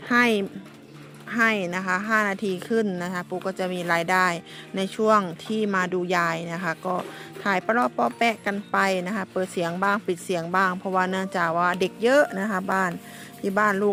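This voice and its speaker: A woman's voice: medium pitch, fairly even intonation, normal speed, pushed and bright, soft background music. Chatty middle-aged woman vlogger. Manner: chatty, polite, many fillers and restarts. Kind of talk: casual vlog chat to viewers.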